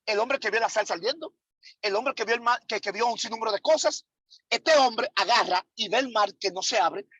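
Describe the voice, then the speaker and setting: A man's voice: high voice, normal speed, fairly bright tone, husky, no room sound, rough recording. A man teaching a ministry class as an apostle, preaching emphatically, repeating key phrases and firing rhetorical questions at his listeners. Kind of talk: preaching lesson.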